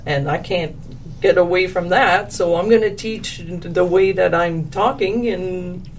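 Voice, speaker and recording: A French teacher with a Quebec French accent appears as a guest in a casual interview, speaking animatedly and quickly repeating her words. Her voice is on the low side. The mic is distant, with a little hiss or hum.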